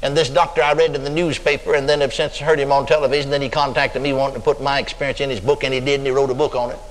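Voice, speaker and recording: A man's voice: mid-range voice, flat delivery, racing. An older man with a Texan accent preaching a sermon, telling stories dramatically and drawing out emphatic words. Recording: long reverb of a church hall.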